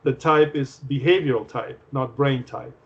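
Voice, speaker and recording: A man in a casual academic discussion over a video call, hesitant and quick to agree as he lays out a view. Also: mid-range voice, highs cut off. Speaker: philosophy discussant.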